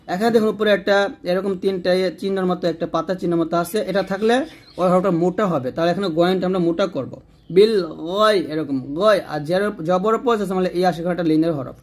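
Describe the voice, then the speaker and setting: A man teaching Quran reading by spelling out letters and vowel marks, then slowly repeating each word three times. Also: high voice. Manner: switches between quick explaining and drawn-out chanted recitation.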